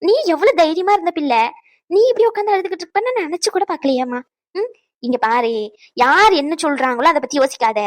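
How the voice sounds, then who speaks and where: A woman's voice: high voice, animated, fast talker, dry recording, clean studio sound. A woman voicing a caring but outspoken old grandmother in a cartoon, scolding and lecturing protectively. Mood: rousing. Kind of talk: cartoon voice acting.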